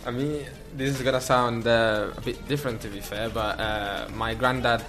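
A man's voice: mid-range voice, steady tone, normal speed. A young adult man, a footballer, chatting casually and hesitantly in an interview, padding his sentences with fillers. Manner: hesitant, filler-heavy with "you know". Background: music.

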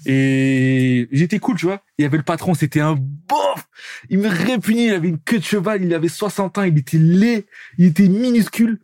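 Young man, teasing banter, slightly high voice. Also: moderate pace, mellow, no room sound, studio quality. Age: 20s. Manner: teasing, mock-grumpy banter. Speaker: podcast co-host. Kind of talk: casual chat.

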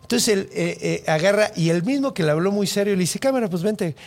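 A man with a Mexican accent hosting a podcast, retelling a story in a loose, animated, slang-heavy casual chat. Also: high voice, fairly quick. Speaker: podcast host.

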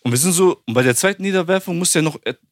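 A man hosting a podcast casually tells a funny story, animatedly acting out the people he quotes and laughing often. His voice is on the high side and racing, with clean studio sound and no echo.

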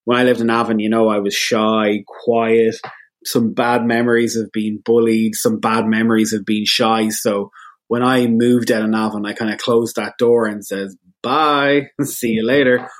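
A man's voice: lowish voice, level tone, normal speed. A man in his thirties with an Irish accent, a radio presenter chatting casually as an interview guest, rambling and self-deprecating. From Ireland.

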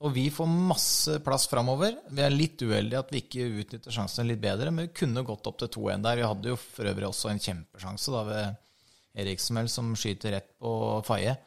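A man's voice: mid-range voice, gravelly. A man co-hosting a podcast, analysing in casual chat with small restarts. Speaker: podcast co-host, football fan.

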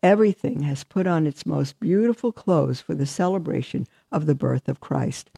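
Storybook figure: woman playing a sorrowful, gentle old male tree, husky and soft. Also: low-pitched, normal speed, dry recording, full character voice. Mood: sad gentle. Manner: sad, sighing and soft.

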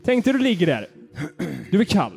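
High, lively young man reading with glee. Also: soft background music. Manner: reads dark facts with a playful, laughing tone. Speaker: podcast host. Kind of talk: casual chat, reading facts aloud.

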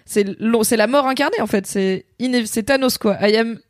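A woman's voice: fairly high pitch, moderate pace, dry recording, clean studio sound. Woman chatting animatedly in street slang. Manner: casual French street slang; animated, emphatic storytelling. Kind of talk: casual chat about films.

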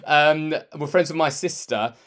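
A man's voice: on the high side, unhurried, fairly bright tone. A man, co-hosting a podcast in casual chat, telling stories and laughing often. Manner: laughs often, storytelling, playful. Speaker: podcast co-host.

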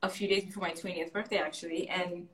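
A woman's voice: lowish voice, fairly even intonation, fast talker, a bit bright, low-quality recording. A woman podcast host from Haiti, raised in the American South, talking in an enthusiastic and affirming way in a casual conversation. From born in Haiti, raised in the US South. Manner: enthusiastic and affirming, laughs often.

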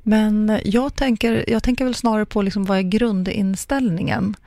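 A woman's voice: medium pitch, fairly even intonation, mellow, no room sound, clean studio sound. A middle-aged woman, a coach, explaining ideas in a chatty way with acted-out example dialogues. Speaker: coach and communicologist guest. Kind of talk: casual podcast conversation.

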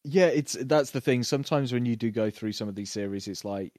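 A man in casual conversation on a podcast, talking through a TV series with lots of fillers and quick bursts of acted-out lines. His voice sits in a middle register and sounds dry and close, with no room around it. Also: mid-range voice, dry recording. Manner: animated, puts on quick voices when retelling scenes. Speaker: podcast co-host. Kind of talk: casual TV review chat.

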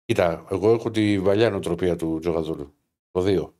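A man co-hosting a casual sports betting chat, chatty and explaining at length, his voice rising when he gets excited. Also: low-pitched. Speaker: podcast co-host.

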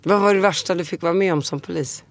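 A man's voice: sits high, no room sound. A man interviewing a guest, asking direct, probing questions.

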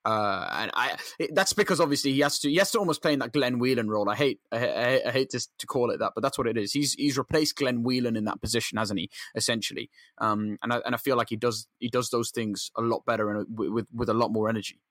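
A man's voice: medium pitch, quick pace, hardly any pauses, fairly bright tone, dry recording. A man co-hosting a football podcast, talking earnestly and rambling with restarts. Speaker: podcast co-host. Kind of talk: casual football chat.

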